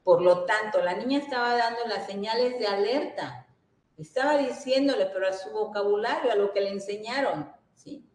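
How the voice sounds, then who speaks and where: A woman's voice: medium pitch, normal speed. Earnest woman in a roomy space. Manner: earnest, often checks in with listeners. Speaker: workshop speaker. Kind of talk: educational workshop talk. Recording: roomy echo.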